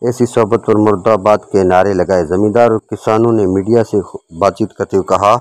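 Man reading formal news voice-over, dry booth sound, measured delivery. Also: lowish voice, fairly even intonation, darkish tone, dry recording. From Pakistan. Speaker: field reporter.

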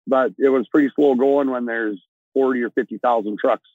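A man's voice: mid-range voice, steady tone, moderate pace, dry recording. A man in his sixties from Alberta, a trucker talking casually over a video call from inside his truck cab, plain-spoken and rambling with restarts. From Alberta, Canada. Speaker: trucker guest. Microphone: earbuds on a video call. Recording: dry, tinny video call audio.

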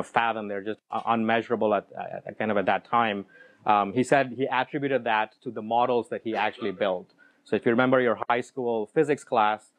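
A middle-aged man with a lowish voice gives a conference keynote to an audience in the room, holding a handheld microphone. He explains his ideas with frequent restarts and repeated words.

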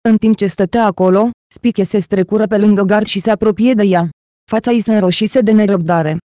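An audiobook narrator reading a novel in a steady, even manner. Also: mid-range voice, dry recording, studio quality. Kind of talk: scripted narration.

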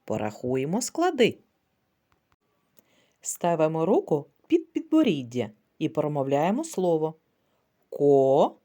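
Female preschool teacher, patient sing-song delivery, mellow lower voice, unhurried. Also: wildly swooping pitch. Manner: slow, patient, sing-song questions and praise. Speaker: kindergarten teacher. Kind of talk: online literacy lesson for preschoolers.

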